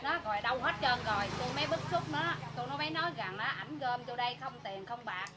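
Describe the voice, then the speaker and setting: A woman with a Southern Vietnamese accent tells her side in emphatic, fast bursts. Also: fairly high pitch, very noisy. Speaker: interviewee. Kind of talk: spoken account.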